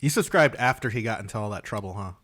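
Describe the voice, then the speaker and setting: A man's voice: lowish voice, animated, fast, fairly bright tone. Teasing man talking with mouth full. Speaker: podcast co-host. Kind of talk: casual chat. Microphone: studio microphone.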